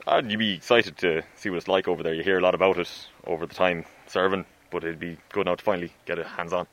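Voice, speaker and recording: A man's voice: deep voice, steady tone, fast talker, fairly bright tone. An Irish man in his twenties from Galway, a soldier answering casually in an interview. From Galway, Ireland. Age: 20s.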